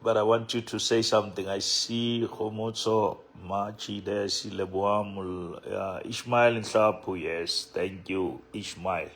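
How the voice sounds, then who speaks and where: A man with a Sotho accent casually greeting livestream viewers as a church leader, unhurried and often repeating his phrases. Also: on the low side, fairly even intonation, a bit bright. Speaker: bishop, live stream host.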